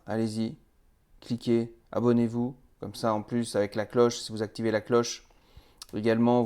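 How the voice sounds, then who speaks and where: A man in his usual mid-range voice talks through a web tutorial as a trainer. He explains things step by step in a chatty way, often pausing on fillers. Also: medium pitch, a little mellow. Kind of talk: casual video tutorial.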